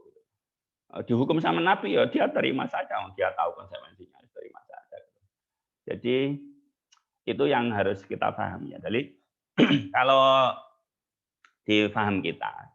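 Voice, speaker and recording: In a tinny, phone-like recording, a man with a gravelly, husky mid-range voice preaches as a religious teacher. He tells stories in a relaxed, conversational sermon, sprinkling in local words.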